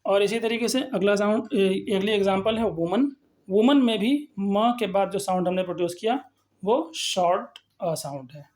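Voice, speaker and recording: A woman's voice: medium pitch, normal speed, a little mellow. A woman teaching phonetics in a recorded lesson, explaining patiently and repeating example words. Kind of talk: recorded lecture with slides.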